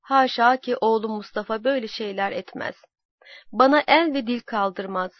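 A man's voice: very high voice, moderate pace, no room sound. A woman reading the lines of a stern old male sultan who thunders in defense of his son, in a commanding manner. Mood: thundering. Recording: dull lo-fi dry recording.

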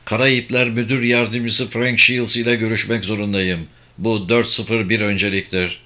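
A man reading a tough agent, blunt, commanding, forceful bright tone, slightly low voice. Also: level tone, normal speed. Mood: urgent.

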